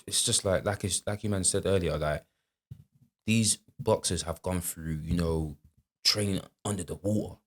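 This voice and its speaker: A man's voice: sits low, moderate pace. A man with a London accent chatting casually in roadman street slang as part of a podcast panel. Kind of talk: casual chat.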